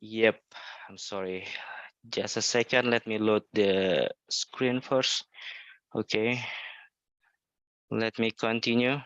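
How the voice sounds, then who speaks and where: Man, call dropping out, dull lo-fi call audio, bright dry voice. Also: fairly low pitch, steady tone, takes it slowly, long pauses, clean tone, no room sound. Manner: hesitant, searching for words. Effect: call dropping out, reconnecting. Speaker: guest presenter. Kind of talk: technical presentation over a video call. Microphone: video call.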